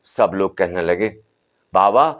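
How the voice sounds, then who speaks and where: A man narrating a folk tale in a lively, animated storytelling manner. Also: medium pitch, a little slow.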